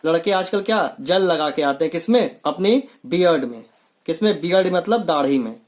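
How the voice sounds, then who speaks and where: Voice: medium pitch, expressive, moderate pace. Patient coaching teacher, call-and-response drill, repeats answers. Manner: asks rhetorical questions and answers them, repeating key words; plain, patient explaining in simple steps. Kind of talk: online coaching lesson.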